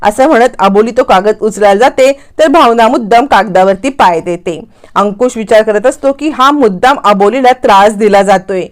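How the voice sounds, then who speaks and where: A woman's voice: a little high, moderate pace. A woman retelling a TV serial episode, acting out the characters' lines as she goes. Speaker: narrator.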